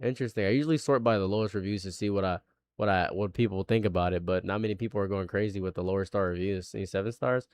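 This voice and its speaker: A man's voice: low voice, quick pace, darkish tone, no room sound. A man in his late twenties, a live streamer chatting casually, rambling and repeating himself, laughing often. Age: late 20s.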